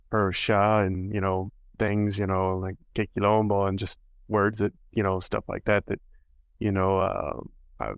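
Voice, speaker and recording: In a casual interview chat, a podcast host with a lowish, gravelly voice rambles along, leaning constantly on "you know" and "like." The recording has no echo.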